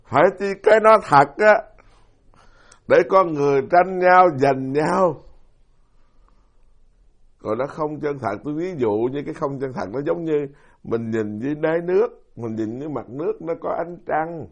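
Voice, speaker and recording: On a dull lo-fi recording, a middle-aged monk speaking with a Southern Vietnamese accent tells stories and poses rhetorical questions to listeners during a dharma talk. His voice is a little high, lively in intonation, and moderately paced.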